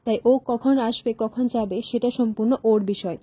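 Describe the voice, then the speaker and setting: A woman's voice: on the high side, fairly even intonation, normal speed, warm tone, husky, no room sound. A woman voicing a stern middle-aged father who lectures his son. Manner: firm, lecturing.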